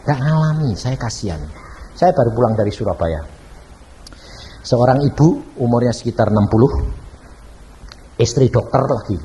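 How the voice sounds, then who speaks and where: Male preacher, mid pitch, animated storytelling sermon, loud and soft by turns. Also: normal speed, pauses often, slight background noise, rough recording. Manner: storytelling, swings between loud and soft, asks the audience questions.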